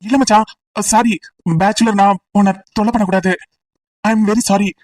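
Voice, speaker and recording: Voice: medium pitch, fairly even intonation, moderate pace, darkish tone, dry recording, natural voice. A voice actor playing a clingy young male student who stammers and sulks at his friend, as comic voice acting on a distant, dry mic. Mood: sulky. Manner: hesitant, sulky, stammering.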